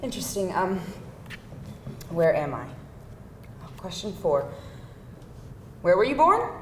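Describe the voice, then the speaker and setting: At a live screenplay table read in an indoor room before an audience, a woman with a fairly low voice and big pitch swings speaks slowly as a candid, feisty date, her delivery hesitant and conversational. The room is echoey, the mic distant, with faint noise.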